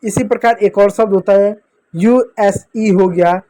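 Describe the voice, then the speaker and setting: A man's voice: high-pitched, fairly even intonation, unhurried, mellow. A man teaching English pronunciation to beginners, drilling each word step by step and answering his own questions. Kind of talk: explaining a phonics lesson to beginners.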